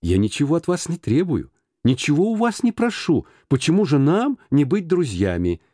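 A man's voice: fairly high pitch, wildly swooping pitch, normal speed, warm tone, no room sound, pitched above the performer's own voice. A man voicing a cheerful, earnest young man who pleads eagerly with his uncle, in a dry audiobook reading.

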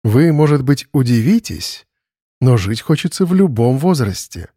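A man voicing a calm, wise older woman who speaks in a measured, reproachful way in an audiobook. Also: mid-range voice, slightly rough, no room sound, clean studio sound. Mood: lecturing. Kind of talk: audiobook character voice.

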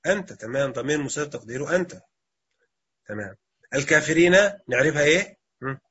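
An Egyptian man teaches a classroom grammar lesson, voice breathy and rough, pitched a touch high. He quizzes the room and echoes back each answer. The recording is muffled and lo-fi. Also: expressive, fast, pushed and bright. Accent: Egyptian Arabic. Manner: quizzes students, repeats answers. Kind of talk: classroom lecture with questions.

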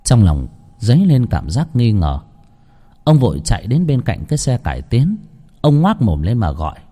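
A man narrating a ghost story in a dramatic, highly expressive storytelling manner. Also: moderate pace. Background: faint music.

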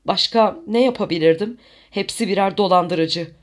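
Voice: medium pitch, moderate pace, close to an everyday voice. Narrator doing a desperate young fisherman, defiant and bitter, storybook reading. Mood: grim. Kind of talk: audiobook character voice.

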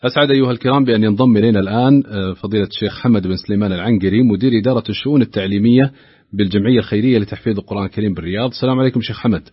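A man hosts a live radio show at a very rapid pace. His voice is on the low side and husky. The sound is dry and a little dull. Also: dry recording. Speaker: radio host.

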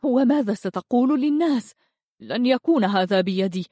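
A woman's voice: a little high, expressive, moderate pace, warm tone, no room sound, studio quality, voice pushed up. A woman voicing an anxious young mother and queen who speaks in a muffled, trembling way. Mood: fearful.

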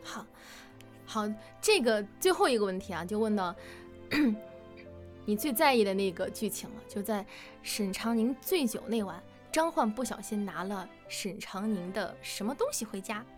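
A woman serves as host for an informal fan quiz, leading the questions and keeping things conversational. Her mid-range voice has lively intonation at a moderate pace, set against background music.

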